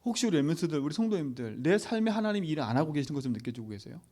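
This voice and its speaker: Animated male pastor preaching. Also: fairly high pitch, very fast. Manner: keeps asking the congregation short questions for agreement. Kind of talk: sermon to a youth service.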